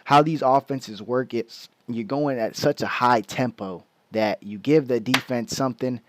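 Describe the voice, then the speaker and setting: A man's voice: medium pitch, a little slow, dry recording. Man breaking down football film, dry close sound. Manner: loose, slangy, restarts a lot while explaining plays. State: hiccups. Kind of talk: casual film breakdown commentary.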